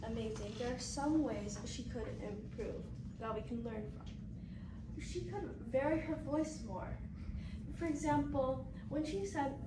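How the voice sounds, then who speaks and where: A woman giving a formal speech evaluation, hesitantly searching for her words. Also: fairly high pitch. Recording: echoey room, distant mic, loud noise.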